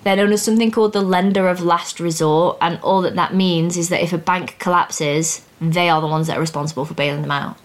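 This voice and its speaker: A woman's voice: lowish voice, fairly even intonation, brisk, hardly any pauses. A young woman hosting a podcast and explaining finance exam topics in a plain, chatty, upbeat way. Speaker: podcast host teaching finance exams. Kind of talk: casual educational podcast.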